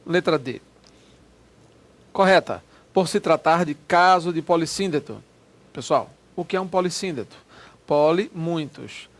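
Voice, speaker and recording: In this exam-prep lecture, a Portuguese grammar teacher with a fairly high voice walks through test questions. His explanations lean on long, drawn-out stressed words and frequent "né?" check-ins with his audience.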